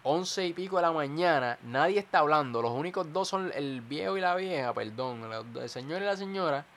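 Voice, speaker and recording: A man's voice: on the high side, animated, normal speed, a bit bright, slight background noise. A man in a casual chat, telling a story animatedly and acting out the people in it.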